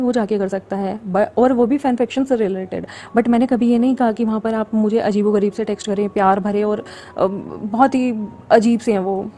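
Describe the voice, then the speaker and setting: A woman's voice: mid-range voice, dark tone, a little hiss or hum. A woman hosting her story channel, talking casually and frankly to viewers and scolding a pushy fan. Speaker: channel host and story narrator. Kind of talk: casual direct address to viewers.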